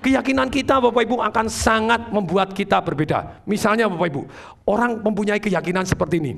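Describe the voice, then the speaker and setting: High, gravelly motivational speaker man. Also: brisk, a bit bright. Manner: call-and-response with the audience; keeps addressing the audience formally. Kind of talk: energetic seminar talk.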